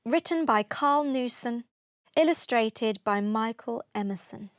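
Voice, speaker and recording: Reading a children's storybook written in rhyming verse, a woman uses a high voice and a slow, expressive, rhythmic delivery. It's a close, dry recording without any echo.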